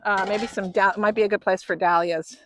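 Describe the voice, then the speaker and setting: A woman hosting a gardening video outdoors, explaining her planting in a relaxed, chatty way. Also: medium pitch, a little fast. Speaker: gardening channel host. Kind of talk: casual how-to gardening talk. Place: outdoors in a garden bed in a grassy field.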